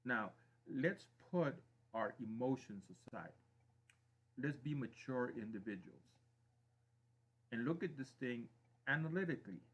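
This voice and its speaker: Deliberate middle-aged man on a lo-fi stream. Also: medium pitch, lively intonation, a bit bright, breathy edge. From Mexico. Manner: deliberate, emphatic, repeats phrases for weight. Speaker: live stream host. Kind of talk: political opinion monologue. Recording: dull lo-fi stream audio.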